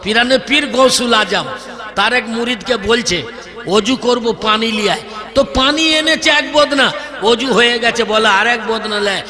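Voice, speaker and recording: A man preaching a sermon into a microphone, in an emphatic, rhythmic style with repeated lists and calls to the audience. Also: high voice. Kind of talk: Islamic sermon (waz) to a crowd. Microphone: public address microphone. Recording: long hall reverb with audible crowd. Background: crowd of listeners.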